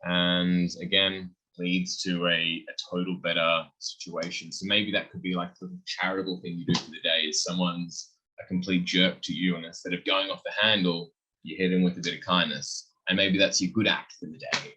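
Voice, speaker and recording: A man's voice: sits low, normal speed, dull audio, a little hiss or hum. A young adult man, a guest on a podcast, talking casually and acting out bits of dialogue with animation. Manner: animated, acts out quoted dialogue. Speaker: podcast guest, beverage company founder. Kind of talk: casual conversational interview.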